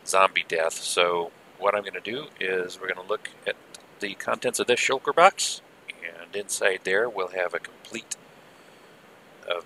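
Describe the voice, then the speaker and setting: A man giving casual, rambling live gameplay commentary with muttered asides, heard through low-quality stream audio from an old headset. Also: pushed and bright, slight background noise. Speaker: game server streamer.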